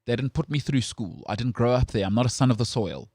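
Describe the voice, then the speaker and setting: A South African man in casual sports chat who argues his points with emphatic conviction and trips over his own restarts. His medium-pitched voice sits close and dry on the mic, with no room around it. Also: expressive, fast talker, a little mellow, husky, no room sound. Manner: opinionated, emphatic, stammers on restarts. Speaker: sports show host.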